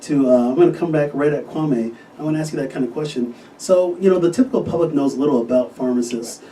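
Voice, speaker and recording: A man, a physician, hosting a casual podcast interview and talking with enthusiasm, often pausing on fillers. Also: a little high, mellow. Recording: distant mic with faint noise.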